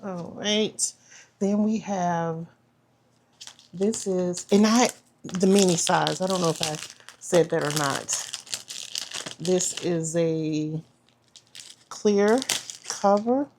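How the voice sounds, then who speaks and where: A woman's voice: on the low side, slow, long pauses, darkish tone, slight background noise. A woman chatting casually as she unboxes a planner subscription box, trailing off and restarting, and saying "y'all". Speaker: planner vlogger.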